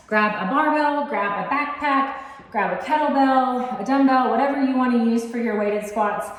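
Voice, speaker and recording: A woman fitness coach explaining exercises step by step in a casual, encouraging way, recorded in an echoey basement gym. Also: a little high. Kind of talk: instructional workout demonstration.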